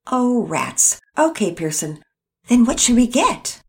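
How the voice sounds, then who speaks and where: A chirpy young girl in a storybook, as a woman reader puts her on, lifted above the reader's own voice. She speaks eagerly in a bright, questioning way. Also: a little high, very animated, slow pace, voice pushed up, heavily acted.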